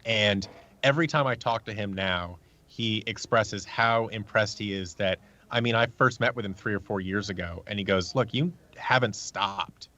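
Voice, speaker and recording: A man with a fairly low voice talks at a normal speed, his tone pushed and bright. He's a podcast guest, an actor and producer, offering casual, earnest advice through anecdotes and acting out the remarks he quotes. The lo-fi audio sounds dull.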